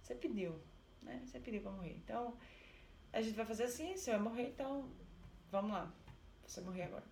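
A woman's voice: fairly high pitch, animated, fast talker, vocal fry, long pauses, darkish tone, slight background noise. A woman with a Brazilian accent voicing a cold, murderous husband who scolds and threatens his wife. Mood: threatening. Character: menacing murderous husband, male adult, cold. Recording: roomy echo.

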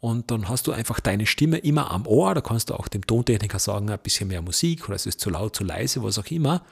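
Gravelly husky man coaching voice technique. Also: lowish voice. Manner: emphatic, animated stresses, slows down to stress key points. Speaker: event host and speaking coach. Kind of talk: instructional talk on voice technique.

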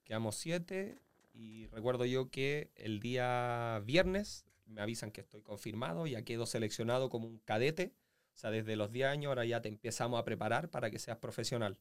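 Gravelly Chilean man telling stories. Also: mid-range voice, a little fast, dry recording, clean studio sound. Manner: animated storyteller with sound effects and acted-out quotes. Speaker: guest, professional footballer. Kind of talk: casual interview storytelling.

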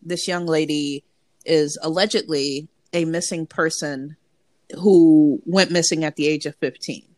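A woman in casual podcast chat, thoughtful and measured, hedging with ums. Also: deep voice, steady tone, darkish tone, dry recording.

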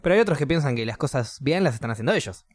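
A man's voice: medium pitch, very fast, no echo. A young man with a Rioplatense Spanish accent, chatting casually as a podcast co-host and acting out voices in his stories. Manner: animated storyteller, acts out voices. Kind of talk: casual chat.

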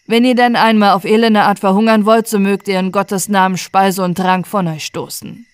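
A woman's voice: mid-range voice, fairly even intonation, moderate pace, clean tone, dry recording, close to an everyday voice. A woman voicing a loyal old male servant who talks in an earnest, scolding way. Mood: resigned.

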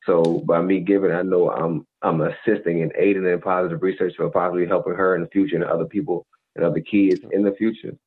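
A very deep-voiced man holds forth on a podcast in a preachy, laid-back way. He leans on "you feel me" constantly. His voice comes through a thin, phone-like band. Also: flat delivery, quick pace, husky. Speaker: podcast co-host. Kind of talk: casual advice monologue. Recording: tinny phone-like audio.

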